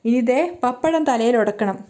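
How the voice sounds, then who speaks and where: A proud middle-aged mother-in-law, voiced by a woman telling the story, drawls her lines slowly with pointed remarks. The tone is mellow and soft-edged, and the pitch sits a bit high. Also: lightly acted.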